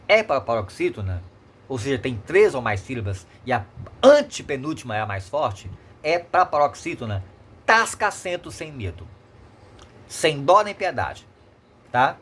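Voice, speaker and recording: Lively Brazilian male teacher. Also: mid-range voice, measured pace, breathy edge. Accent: Brazilian Portuguese. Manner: repetitive, explanatory, checks in with tag questions. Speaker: Portuguese teacher. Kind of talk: remote classroom lesson.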